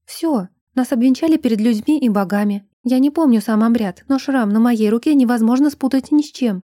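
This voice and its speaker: A woman gives voice to a frightened sixteen-year-old bride, anxious and pleading, a little breathless. The voice sits fairly high, with a soft, mellow tone. It is read close and dry. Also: fairly quick, dry recording, lightly acted. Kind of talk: audiobook character reading.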